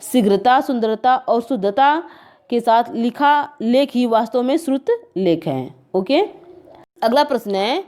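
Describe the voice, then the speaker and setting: Mellow-voiced woman tutoring exam answers. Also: a little high, animated, unhurried. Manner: addresses viewers as friends, repeats "okay" between points.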